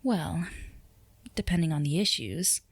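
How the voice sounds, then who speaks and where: A woman plays a dominant, flirtatious female boss in a roleplay ASMR drama, her low, soft voice slipping into whispers, captured very dry and close. She's teasing, self-assured and used to obedience, delivering with animated, exaggerated energy at a measured pace with a breathy edge. The mood is confident and suggestive.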